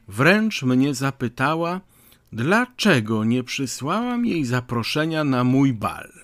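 A man's voice: medium pitch, no echo, close to an everyday voice. A man voicing a haughty old lady. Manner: disdainful, indignant.

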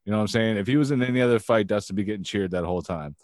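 A man co-hosting a casual sports podcast who talks in an animated way and keeps saying "you know what I'm saying". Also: fairly low pitch, very fast, no echo, studio quality. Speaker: podcast co-host.

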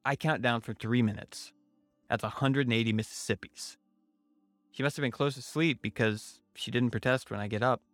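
A man's voice: medium pitch, fairly even intonation, normal speed, a bit bright, no echo, faint music behind. A man narrating a scripted first-person horror story in a wry manner.

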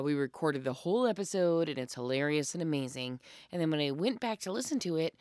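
A woman's voice: deep voice, no echo, studio quality. A woman co-hosting a podcast in a casual, self-deprecating, chatty way. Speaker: podcast co-host.

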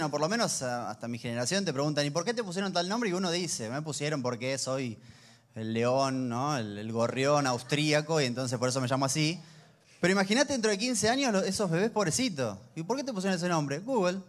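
Hombre de treinta y pocos años, voz aguda, predicando con humor. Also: male voice, on the high side, lively intonation, fast talker. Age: 30s. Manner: conversational, humorous storytelling. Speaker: pastor. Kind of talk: sermon.

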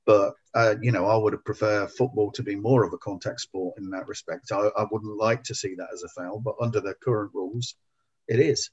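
A lower-pitched man talks through a refereeing decision in a hesitant, considered way, often pausing on "um". The audio is a little dull and lo-fi, like a modest podcast setup. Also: steady tone, husky. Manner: hesitant, measured, lots of ums. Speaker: pundit, former player. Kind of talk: podcast football discussion.

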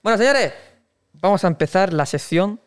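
A man's voice: high voice, animated, moderate pace, clear, resonant tone. A man hosting a casual podcast, announcing a game section in a loose, filler-heavy way. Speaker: podcast host. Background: music.

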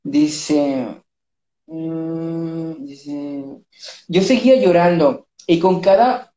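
A podcast co-host with a Mexican accent, reading an erotic story aloud in a drawn-out casual way, laughing and hesitating. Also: medium pitch, dark tone. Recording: dull, roomy lo-fi recording.

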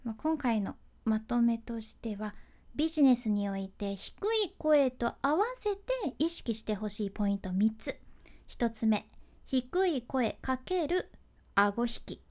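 Her voice sits on the high side with a darkish tone, expressive and measured in pace. A freelance announcer who hosts a podcast, she gives a chatty solo talk on speaking tips in Kyushu's Hakata-ben, laughing a lot and blending dialect with polite forms.

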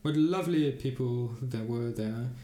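A man narrating a fairy tale in a steady, even storytelling manner. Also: mid-range voice, measured pace. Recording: roomy, echoey room.

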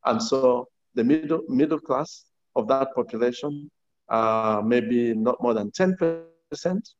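A man gives a formal executive answer in a dull, lo-fi recording. His voice sits at a middling pitch, and he talks deliberately, circling back over words with halting repetitions. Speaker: tourism agency chief executive. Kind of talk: panel answer in a business town hall. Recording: dull, lo-fi online call audio.

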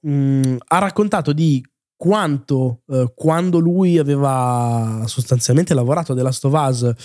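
A man with a dark, mellow and somewhat hoarse voice talks as a podcast host. He tells his stories in a conversational, reflective way, recorded close and dry. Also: mid-range voice, dry recording. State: hoarse, under the weather. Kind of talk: conversational podcast monologue recounting interviews.

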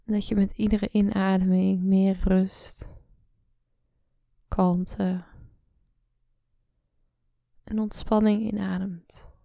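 A woman guiding a relaxation meditation, speaking slowly and softly, often in a whisper, close to the mic. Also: mid-range voice, level tone, vocal fry, dry recording. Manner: slow soft-spoken, often whispering. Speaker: meditation guide.

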